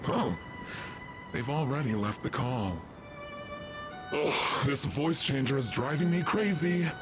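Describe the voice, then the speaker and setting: Smug dude on a call with a voice changer warping him, slow drawl, music playing behind. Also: male voice, mid-range voice, expressive. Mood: mocking. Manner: mocking, teasing. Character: smug young man hiding behind a voice changer. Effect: voice changer disguising the voice. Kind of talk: game cutscene voice acting. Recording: studio voice over game music.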